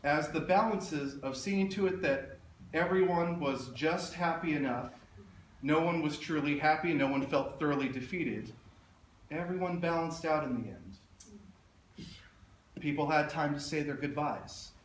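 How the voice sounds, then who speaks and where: A man giving a funeral eulogy as a public speech, in a tender, measured, halting way with pauses. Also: on the high side. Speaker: eulogist speaking at his mother's funeral. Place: echoey room, speaking to a gathering. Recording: roomy echo, distant mic, faint noise.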